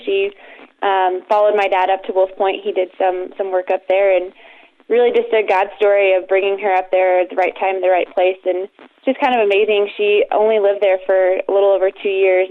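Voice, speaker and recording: A young woman from Colorado calling in as a guest to talk about her charity, earnest and steady with frequent "um"s. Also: medium pitch. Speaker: phone-in guest, head of a charity. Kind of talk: phone interview. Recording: tinny phone line.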